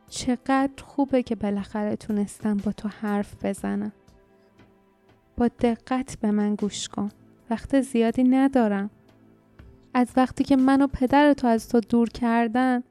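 Gentle ghostly mother spirit, breathy and high, a woman reader doing her in an audiobook. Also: close to an everyday voice. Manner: soft, breathy, moaning like wind. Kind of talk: audiobook character reading.

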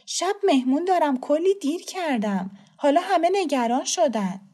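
A woman's voice: high-pitched, expressive, mellow, voice pushed up. A woman doing a kind, coaxing grown woman. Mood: flustered. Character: kind, hurried adult woman, gentle then flustered.

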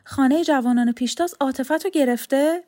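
A woman reading the part of a frail old man in an audiobook, with a raised, lively voice. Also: sits high, dry recording, clean studio sound, pitched above the performer's own voice, natural voice. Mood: uneasy.

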